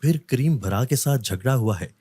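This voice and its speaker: A man voicing a caring neighbor woman who coaxes her friend to calm down. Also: medium pitch, moderate pace, husky, no room sound. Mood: coaxing. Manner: soothing, coaxing.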